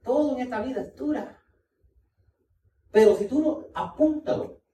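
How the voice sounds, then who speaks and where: A man preaches a sermon with a mellow, darker tone, pressing his points and repeating them to the congregation. He sounds a bit off from the mic, and the room gives back a clear echo with faint noise behind him. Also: very high-pitched, normal speed, distant mic. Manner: emphatic, repeats key points, talks directly to the congregation. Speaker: pastor.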